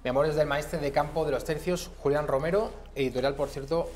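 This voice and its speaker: A man's voice: on the high side, steady tone, fairly quick, darkish tone. A young adult man hosting a discussion in a TV news studio, steering it with questions and an ironic edge, recorded on a lapel mic. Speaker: TV presenter.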